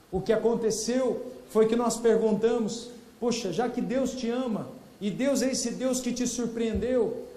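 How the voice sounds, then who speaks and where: A man with a Brazilian Portuguese accent preaching earnestly at a workshop plenary, repeating key phrases and dropping to a hush for emphasis. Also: high-pitched. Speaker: pastor.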